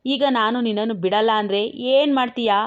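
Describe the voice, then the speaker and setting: Woman doing a brash young man, teasing, bantering, raised pitch, dull lo-fi sound. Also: moderate pace, close to an everyday voice. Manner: mocking, bantering, cocky. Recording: dull lo-fi recording.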